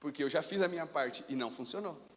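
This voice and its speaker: Animated male preacher in echoing church. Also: a little high, fast talker. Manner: storytelling, animated, casual. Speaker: pastor. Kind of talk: sermon. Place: church sanctuary. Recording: long reverb of a church hall.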